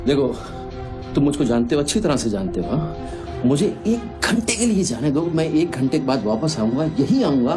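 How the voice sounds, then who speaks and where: An actor in a film dub playing a nervous, slick playboy who wheedles and rambles, dropping in English phrases. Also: male voice, on the high side. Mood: anxious bargaining. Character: nervous, pleading, slick wealthy playboy bargainer. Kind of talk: Hindi film dub acting. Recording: loud film music behind.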